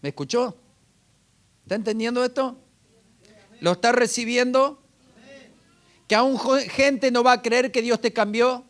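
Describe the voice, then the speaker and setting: A man's voice: extremely high pitch, a little slow, long pauses, fairly bright tone. A man preaching a sermon as pastor, often calling out to the congregation with rhetorical questions.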